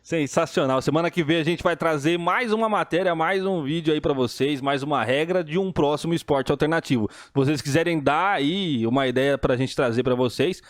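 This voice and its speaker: A man's voice: fairly high pitch, brisk, hardly any pauses, no room sound. Easygoing man, dry close sound. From Brazil. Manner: joking, laid-back. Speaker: co-host of a sports show. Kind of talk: casual live-stream chat.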